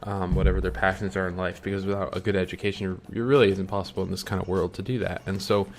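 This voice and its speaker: Fast and flat, a young man with a low-pitched voice vlogs to camera while chewing candy, musing sincerely about pursuing his dreams. His talk wanders, packed with ums and restarts, and there's slight background noise.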